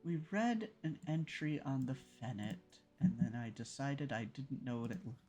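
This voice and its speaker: A game livestreamer with a very animated, swooping voice reads on-screen text aloud and chats casually. Playful exclamations and self-directed murmurs break up the reading, with faint guitar music behind. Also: mid-range voice, moderate pace.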